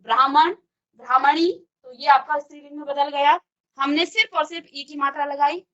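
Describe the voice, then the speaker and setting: A woman's voice: high voice, fairly even intonation, a little fast, bright, forceful tone, muffled recording. A woman teacher giving a classroom grammar lesson, explaining step by step and asking questions she then answers herself. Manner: explains step by step, often asks and answers her own questions. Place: virtual classroom studio.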